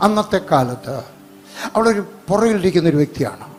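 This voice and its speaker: High-voiced older man preaching a sermon. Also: expressive, brisk, soft background music. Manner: emphatic, repetitive, with sudden loud bursts and quiet asides.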